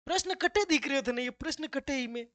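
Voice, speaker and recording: A man's voice: very high voice, brisk, a bit bright, no room sound. A male teacher giving a classroom grammar lesson, with joking asides and slips into local dialect.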